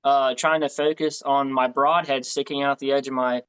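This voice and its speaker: A man's voice: mid-range voice, level tone, normal speed, a bit bright, clear, resonant tone, lo-fi sound. An American man who grew up in Tennessee and Pennsylvania, hosting with casual chat and anecdotes. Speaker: podcast host.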